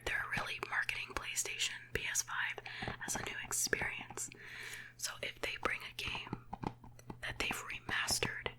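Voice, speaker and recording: A woman whispers softly and breathily in an informal, rambling ASMR gaming chat, with finger tapping on cases. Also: rough recording. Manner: rambling, informal, excited gamer talk. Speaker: ASMR gaming video host. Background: finger tapping on game cases.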